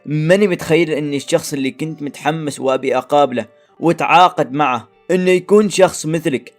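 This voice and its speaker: A strange, short-tempered company boss, voiced by a man narrating a story. He speaks in a curt, irritable way with a slightly raised pitch, and faint music plays behind him. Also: fast talker, natural voice.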